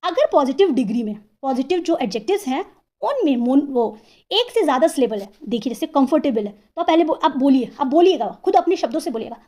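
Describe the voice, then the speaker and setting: A woman teacher explaining English grammar, asking herself questions and sounding out words slowly, syllable by syllable. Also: sits high, very animated, mellow. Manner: asks and answers her own questions.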